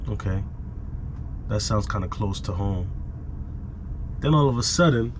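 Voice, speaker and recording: This truck-driving vlogger speaks in a lowish register, with background noise audible behind him. He recounts a story in a relaxed way, leaning on repeated phrases for emphasis, and his action camera's microphone picks it all up.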